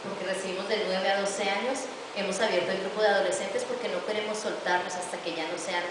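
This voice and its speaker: Fast-talking woman in an echoey church hall. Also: mid-range voice, steady tone. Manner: speaks in short phrases, pausing for the interpreter. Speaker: guest speaker. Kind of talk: church testimony with interpreter. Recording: echoey hall from far off, hiss.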